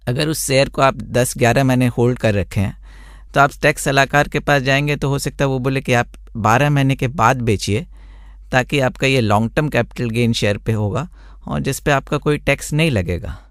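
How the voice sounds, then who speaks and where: A man, a blind tax consultant, answering radio interview questions in a measured, explanatory way with many examples. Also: mid-range voice, no room sound, clean studio sound.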